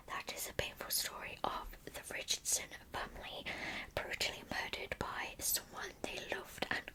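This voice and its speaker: A young adult woman whispers close to the mic, telling true crime stories as an ASMR storyteller. Her delivery is breathy, soft, and informal. The audio quality is poor.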